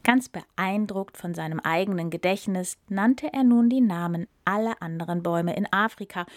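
Female storyteller; calm, expressive narration, dry and close. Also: medium pitch, no room sound.

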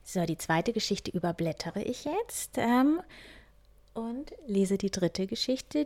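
A woman softly whispering a children's story, reading one tale after another. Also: mid-range voice. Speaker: reader.

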